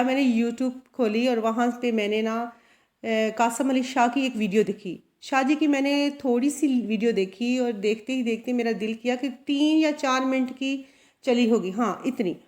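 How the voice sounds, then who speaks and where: In this vlog, a salon and boutique owner gives her viewers a motivational talk drawn from her own life, speaking in a confiding, earnest way. She keeps checking in with them, often ending lines with tag questions, and her voice sits a little high with a darkish tone.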